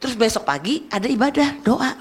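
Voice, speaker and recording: A woman evangelist preaching a sermon, emphatic and lively, often asking her congregation to agree, dropping to a soft voice for prayers. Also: fairly high pitch, fairly quick, slightly rough. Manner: acts out prayers and quoted speech in a softer voice.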